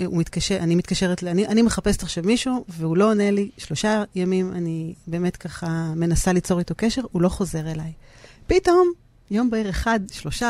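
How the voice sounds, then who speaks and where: Woman, middle-aged, lower pitch, podcast guest, animated explainer, acts out examples, dry close sound. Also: dry recording. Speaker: guest speaker on decision-making. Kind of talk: podcast conversation.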